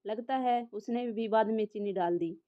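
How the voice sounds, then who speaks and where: A woman voicing a gentle, worried middle-aged mother. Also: medium pitch, moderate pace, lightly acted. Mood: explaining. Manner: worried, explaining. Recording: slightly dull lo-fi audio.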